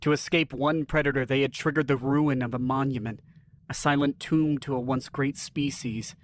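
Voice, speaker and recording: Even-voiced man narrating sci-fi. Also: medium pitch, normal speed, a little hiss or hum. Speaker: story narrator. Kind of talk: scripted sci-fi story narration.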